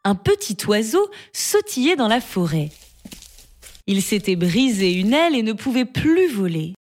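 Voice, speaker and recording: Expressive woman telling a fairy tale. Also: on the high side, measured pace. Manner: expressive, lively reading. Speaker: storyteller. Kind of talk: storybook narration. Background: background music.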